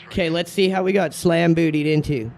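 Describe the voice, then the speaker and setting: A man's voice: a little high, steady tone, a little fast, darkish tone. A man giving casual video game commentary as a streamer, talking like a frat bro with heavy slang, swearing and exasperated ranting. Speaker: gaming streamer.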